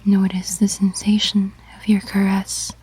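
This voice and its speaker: Guiding a sleep meditation, a woman speaks in a whispery, very breathy voice. Her pace is slow and steady, her pitch barely moving, as she offers each gentle instruction in a measured, soft ASMR manner. The recording is rough.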